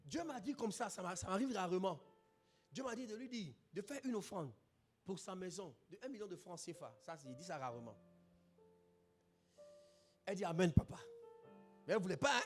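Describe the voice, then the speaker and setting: A man pastor, preaching a testimony in an animated sermon, bursting into shouts. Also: sits high, quick pace, faint music behind. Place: church.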